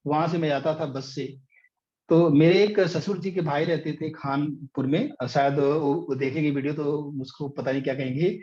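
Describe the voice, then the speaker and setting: A man's voice: a little high, steady tone, moderate pace, a little mellow. A middle-aged man, a business coach telling stories and teaching in an online session, with frequent fillers. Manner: anecdotal and hesitant, many fillers. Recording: dull lo-fi audio.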